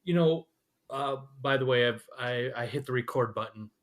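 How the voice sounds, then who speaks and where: Halting male podcast host. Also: mid-range voice. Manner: halting, many restarts and fillers. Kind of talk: casual interview chat.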